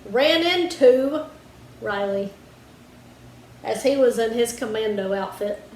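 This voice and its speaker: A woman's voice: on the high side, animated, slow pace, a little mellow. A woman co-hosting a podcast, talking casually and trailing off with lots of fillers. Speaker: podcast co-host. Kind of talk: casual chat. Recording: roomy echo, faint background hiss.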